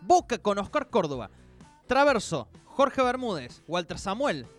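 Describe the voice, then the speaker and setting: A man with an Argentine accent talks football as a show presenter. His voice sits high and moves up and down animatedly, with emphatic phrasing in a conversational style. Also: very animated, measured pace, faint music behind. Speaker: sports radio show presenter. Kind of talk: conversational football nostalgia segment.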